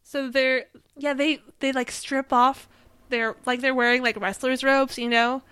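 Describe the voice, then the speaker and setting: A woman's voice: high-pitched, steady tone, measured pace, bright, forceful tone, clean tone. A young adult woman co-hosting a podcast, chatting casually and laughing often between sentences. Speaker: podcast co-host. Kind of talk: casual chat.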